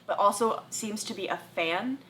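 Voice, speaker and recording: A woman gives explanatory commentary to viewers. Her voice is of medium pitch, with faint background noise. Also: moderate pace, fairly bright tone, poor audio. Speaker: paranormal investigator narrating.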